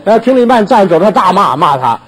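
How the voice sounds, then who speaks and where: A man's voice: high-pitched, big pitch swings, fast, crowd noise, poor audio. An older man preaching a sermon as a pastor, telling a story with laughter and acted-out dialogue.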